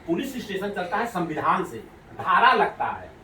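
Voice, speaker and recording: High-voiced man quizzing a child playfully. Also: big pitch swings, moderate pace, bright, forceful tone, slight background noise. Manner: playful, coaxing, laughs often. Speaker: rationalist activist quizzing a child. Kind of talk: casual questioning chat. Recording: roomy sound from a distant mic.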